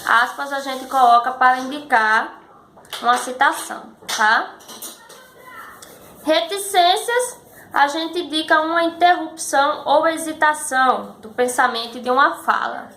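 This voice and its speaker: A woman teacher explaining a lesson patiently and slowly, often checking that her students follow. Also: high voice, pushed and bright. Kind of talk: recorded school lesson. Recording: echoey room with faint background noise.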